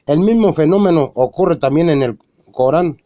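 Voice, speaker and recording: A man reading a religious argument aloud in a measured way, quoting scripture and citing chapter and verse. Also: a little high, lively intonation, warm tone, no room sound, dull audio. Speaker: religious lecturer.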